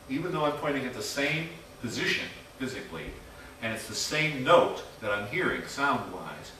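A man's voice: medium pitch, bright, forceful tone, a little hiss or hum. A man teaching a music theory workshop to a class in a casual, chatty way, quizzing the students as he goes. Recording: very echoey room, mic far off.

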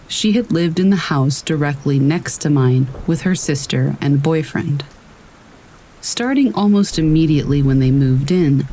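Calm storyteller voice, mid pitch, reading creepy tales with soft rain in the back. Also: slight background noise, low-quality recording. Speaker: narrator reading horror stories. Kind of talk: scripted storytelling narration. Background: faint rain.

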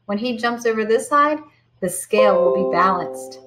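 A middle-aged American primary school teacher reads a picture book aloud to children at home in front of a computer, explaining it as she goes. Her medium-pitched, expressive voice moves at normal speed in a sing-song style that stresses key words and rhymes, set over loud music.

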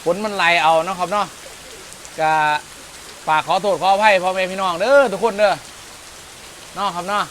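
Man with an Isan accent, high voice, loud and excitable, eating outdoors in the rain, faint rain hiss. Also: moderate pace, long pauses. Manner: loud, excitable, exclaiming often. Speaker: food vlogger. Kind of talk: casual outdoor cooking vlog.

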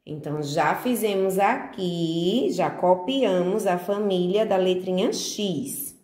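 A young Brazilian woman teaches a recorded handwriting lesson to preschoolers, her voice set a little low. She talks in a deliberately unhurried way, guiding each pen stroke step by step with gentle diminutives. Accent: Brazilian Portuguese.

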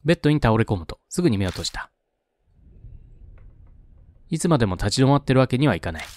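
A man's voice: mid-range voice, sing-song, fast talker, a little mellow, no echo. A man narrating a horror game's story aloud with chatty asides. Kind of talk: reading aloud with casual asides.

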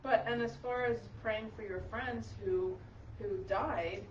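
A woman's voice: fairly high pitch, fairly even intonation, takes it slowly, slight background noise. A woman leading a church support group discussion, affirming and encouraging the speakers in a meeting room. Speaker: group leader. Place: meeting room with folding chairs. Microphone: far camera. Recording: echoey room, distant and dull.

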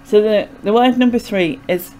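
A woman's voice: mid-range voice, moderate pace, mellow, faint music behind, poor audio. A young woman with a Sunderland Mackem accent, chatting casually and hesitantly as she explains things in a rambling way. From North East England. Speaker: vlogger. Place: small bedroom indoors. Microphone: desk microphone with pop filter, close.

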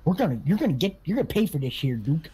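A man playing a bumbling, indignant sheriff in game roleplay, with a husky, cracking voice. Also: fairly high pitch, big pitch swings, fast talker, mellow, heavily acted. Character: excitable, bumbling, indignant Southern male sheriff. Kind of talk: improvised online game roleplay.

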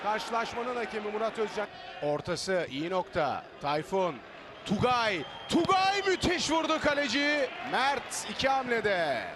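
A man giving live football commentary in excitable, urgent short phrases. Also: sits high, unhurried. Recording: loud stadium crowd noise behind voice. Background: roaring stadium crowd.

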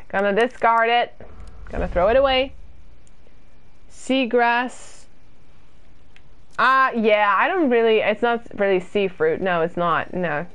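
This young British streamer has a fairly high, bright voice with a clear, resonant tone, and she speaks slowly, pausing often. Playing a horror game in a small room, she chats with viewers in a self-deprecating way, reading their comments out and answering them.

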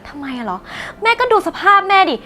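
A woman's voice: high-pitched, very animated, a little fast, bright, forceful tone, slight background noise, exaggerated voice. An actress playing a selfish grown daughter who complains brashly and talks down to her mother. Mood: cold. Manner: brash, whiny and scornful. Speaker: younger daughter. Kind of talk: short-film drama acting.

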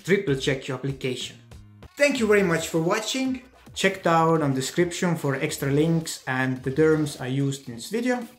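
A man's voice: on the high side, very animated, normal speed. A young man with an Estonian accent, giving scripted advice to camera as a video blogger. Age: young adult. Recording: music under the voice. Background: background music.

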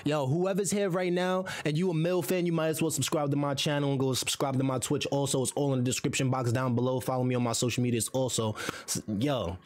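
A man's voice: mid-range voice, flat delivery, fast talker, darkish tone. A man hosting a reaction video, hyping it up in slangy casual chat and urging viewers to subscribe. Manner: slangy, hype-building, pleads for subscribers.

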